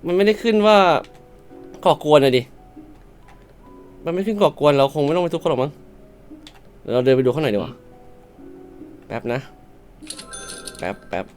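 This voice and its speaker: A woman commentating a shop game, loud and exclamatory, swearing playfully at the game characters and now and then switching to a polite clerk voice. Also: low-pitched, sing-song, normal speed, pauses often, soft background music. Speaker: gamer. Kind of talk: let's-play commentary.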